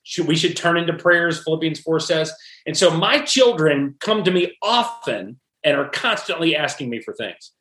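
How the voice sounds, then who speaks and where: Guy talking faith like a preacher, bright forceful voice, a bit high, echoey room. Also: animated, moderate pace. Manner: preacher-like, weaving in scripture. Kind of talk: casual faith discussion. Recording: roomy echo.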